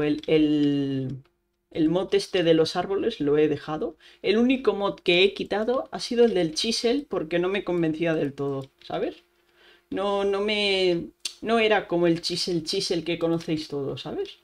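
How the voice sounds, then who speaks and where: A woman with an accent from Spain giving casual, chatty let's-play commentary, talking straight to her viewers and using lots of playful diminutives. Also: lowish voice. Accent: Spain Spanish. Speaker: gaming channel host.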